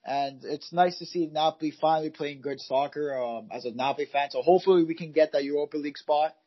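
A man's voice: fairly high pitch, fast, dull audio. A man co-hosting a casual football podcast, rambling with many fillers and restarts. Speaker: podcast co-host, football fan. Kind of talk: casual chat.

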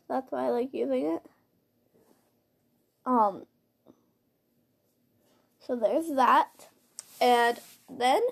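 A woman hosting a makeup tutorial show chats informally as she does her makeup, narrating each step along the way. Her high voice is creaky and a little mellow with a breathy edge, and it's picked up by a simple built-in laptop-style device mic instead of a proper studio microphone.

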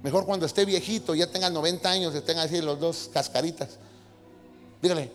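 High-voiced preacher. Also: male voice, a little fast. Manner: animated preaching, acting out quoted voices. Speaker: pastor. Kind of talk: sermon. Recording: reverberant hall with faint music.

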